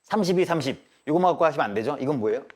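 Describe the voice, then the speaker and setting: A male math teacher giving a live classroom lecture. He keeps asking students quick questions and drills them with check-ins, mixing polite and casual speech. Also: fairly high pitch, lively intonation, darkish tone.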